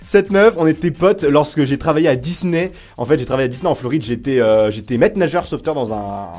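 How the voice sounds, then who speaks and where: A young man giving casual reaction commentary as a YouTuber, excitable and exclamatory, full of slang. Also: a little high, fairly quick.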